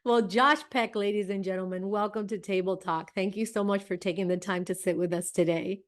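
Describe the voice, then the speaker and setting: A woman hosts a talk show at a middle pitch. She introduces her guest chattily and effusively, with plenty of fillers and restarts. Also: steady tone, brisk. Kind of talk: casual interview introduction.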